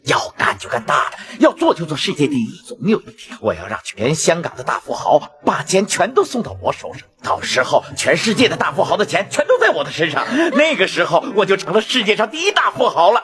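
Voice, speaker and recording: A man's voice: high-pitched, big pitch swings, a little fast, hardly any pauses, a bit bright. An actor playing a brash, ambitious male gangster boss who is hungry for money, in dramatic drama dialogue. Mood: grandiose ambition.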